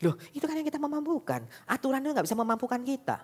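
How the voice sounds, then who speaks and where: A man preaching a conversational sermon at a church service, lively, with sharp rises for emphasis and frequent rhetorical questions to the congregation. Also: very high-pitched, very fast, slightly rough. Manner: keeps asking the congregation "right or not?". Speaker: evangelist preacher.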